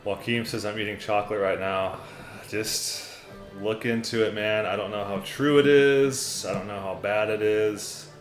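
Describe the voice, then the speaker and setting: A young American man hosts a casual livestream, reading chat messages aloud in a laid-back, rambling way and often calling people "man" and "dude." His lowish voice is fairly even and a little slow, with a roomy echo and classical music playing behind.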